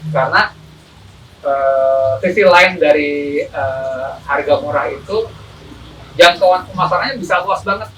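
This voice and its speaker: A man's voice: fairly high pitch, unhurried, bright, forceful tone. A man explaining things casually as an interview guest, hesitant and repeating words, slightly muffled by a face mask. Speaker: photography teacher, interview guest. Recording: distant mic, faint room noise.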